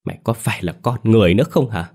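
A man's voice: low-pitched, lively intonation, a little fast. A man voicing an angry scolding old grandmother. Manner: harsh, scolding. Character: grandmother, old woman, scolding her son.

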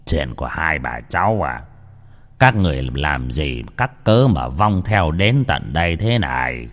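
A gruff old village shaman played by a man gives orders in a deep, slow, stern voice. The pitch sinks below the storyteller's own, and a long reverb hangs on each word of this spoken ghost story. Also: very animated, heavily acted. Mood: mocking. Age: older.

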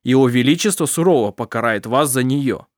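A man's voice: medium pitch, brisk, dry recording, clean studio sound, close to an everyday voice. A man reading the lines of a worried, protective father in a firm, earnest voice, in a storybook reading. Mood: earnest worry.

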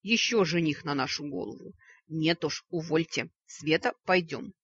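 A woman's voice: deep voice, normal speed, a bit bright, husky, dry recording, exaggerated voice. A woman reading a sarcastic young lord. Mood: mocking. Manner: sarcastic and mocking. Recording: dull lo-fi recording.

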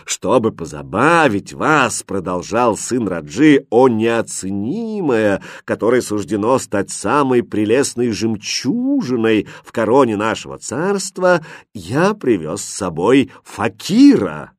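Courtly prince, slow, chanting, ceremonious, man reading. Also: on the low side, very animated, no echo, clean studio sound. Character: solemn ceremonious young Indian prince.

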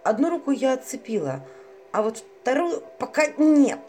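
Woman narrator, wry and mocking, very animated intonation, faint music beneath. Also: sits high, normal speed. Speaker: audiobook narrator. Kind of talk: first-person audiobook narration.

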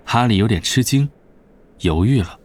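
Low-voiced male audiobook narrator. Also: expressive, moderate pace. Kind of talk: scripted narration.

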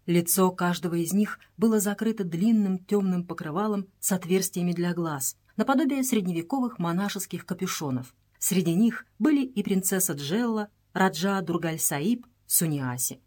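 A woman narrating an adventure novel as an audiobook in a steady, measured reading voice. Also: fairly low pitch. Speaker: audiobook reader.

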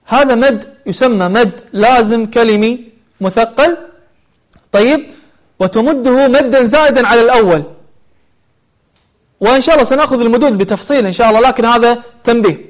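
A man teaching a tajweed lesson, explaining recitation rules and then chanting verses slowly with long drawn-out vowels. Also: very high voice.

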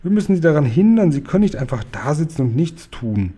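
A man's voice: mid-range voice, animated, normal speed, mellow, slightly rough. A man doing a raised, eager little girl. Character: small curious girl, eager and worried.

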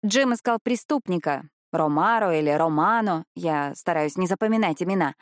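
A woman narrating a first-person novel as an audiobook, delivering the dialogue in a lively, expressive way. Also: lowish voice, normal speed, dry recording, clean studio sound.

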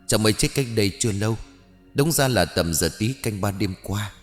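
A man's voice: on the low side, animated, brisk, soft background music, close to an everyday voice. A man voicing a frightened young ghost girl, a servant, pleading tearfully in a storybook reading.

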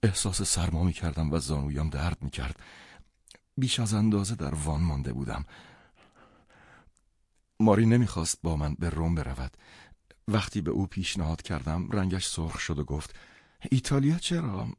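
A man reading a novel aloud as an audiobook narrator, in measured first-person storytelling. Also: very deep voice, expressive, a little mellow, husky, dry recording, studio quality.

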